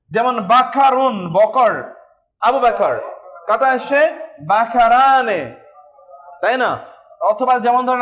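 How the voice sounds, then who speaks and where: A man teaching Arabic grammar to a class, asking questions, repeating words slowly and prompting students to answer. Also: extremely high pitch, a bit bright. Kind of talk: classroom lesson with call-and-response drilling. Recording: dull lo-fi recording.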